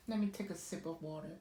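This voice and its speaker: Slow, low-voiced woman reading tarot. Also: noisy background. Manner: unhurried, reassuring, with many fillers and "right?" checks. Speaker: tarot reader. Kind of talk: pick-a-card tarot reading.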